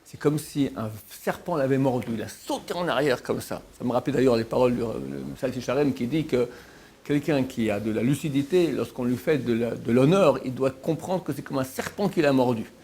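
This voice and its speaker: In a brisk voice of medium pitch, a rabbi teaches a Torah class through an informal sermon. He's lively with his stories, acting out what people said, and often starts his sentences over.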